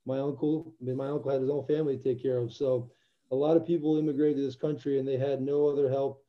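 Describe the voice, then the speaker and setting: Answering questions in a casual interview, a young Albanian man who used to play football talks fast in a level, medium-pitched voice. The sound is lo-fi, and his earnest, reflective answers include many restarts.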